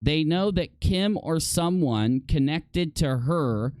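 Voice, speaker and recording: A man hosting a live stream, talking in a heated, exasperated rant with a lively pitch that jumps up when he gets worked up. His voice sits a little high for a man. The sound is dry and close, with no room echo. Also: slow, clean tone. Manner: exasperated, heated ranting while reading posts aloud. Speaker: livestream host.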